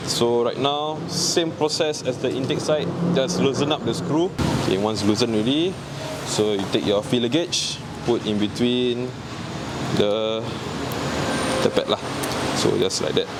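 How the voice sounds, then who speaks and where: A man's voice: mid-range voice, unhurried. A man with a Malaysian accent gives a casual hands-on mechanical tutorial in colloquial Malaysian slang English, often ending phrases with "lah". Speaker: mechanic demonstrating a repair. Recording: noisy on-location audio, vehicle and ambient hum.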